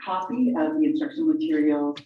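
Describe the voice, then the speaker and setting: Chatty meeting chair with animated pitch, distant echoey mic, lo-fi. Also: fairly quick. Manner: lively, chatty, self-joking. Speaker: school board meeting chair. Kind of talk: running a meeting. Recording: distant, echoey, dull, faint noise.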